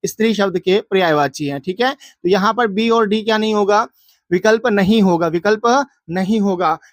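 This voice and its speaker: A man's voice: sits high, normal speed, no room sound. A man teacher going through exam answers, asking questions and answering them himself in a drilling, repetitive way. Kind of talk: exam answer walkthrough lesson.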